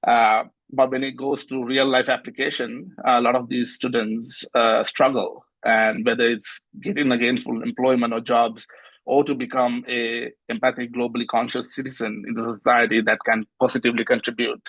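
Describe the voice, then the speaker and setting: A middle-aged man from Sri Lanka, a nonprofit founder speaking on an online panel in a measured way, with many fillers and restarts. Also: mid-range voice, little pitch movement, a bit bright, no echo, poor audio. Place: home, early morning.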